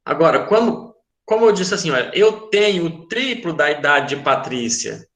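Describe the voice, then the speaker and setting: Pitched on the high side, this man speaks at normal speed with big swings in pitch and a slightly bright quality, and the recording is reverberant. He's a Brazilian Portuguese-accented math teacher in an online class, working through a word problem, patiently repeating and making sure his students follow.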